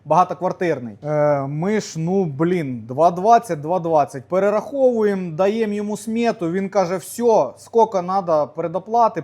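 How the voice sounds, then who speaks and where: Brief: man with a high voice, animated storyteller in an interview. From Ukraine. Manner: animated, vivid anecdotes, colloquial. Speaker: plaster decor workshop owner.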